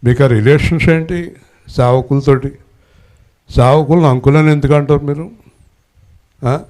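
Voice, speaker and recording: A man preaching a sermon who scolds and quizzes his congregation, demanding loud answers, and swings from low murmurs up to high shouted peaks. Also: steady tone, measured pace. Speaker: pastor.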